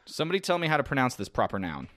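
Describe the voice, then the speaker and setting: Lively man reading stories on a podcast. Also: mid-range voice, very fast, no room sound. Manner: animated, laughs while reading out quotes. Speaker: podcast co-host. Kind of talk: casual chat, reading news stories aloud.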